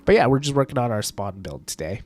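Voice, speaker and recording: A man's voice: mid-range voice, very animated, fast talker, darkish tone, faint music behind. A man streaming a game live, chatting casually with viewers and laughing often, his voice stuffed up from allergies. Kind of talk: casual live-stream chat while gaming.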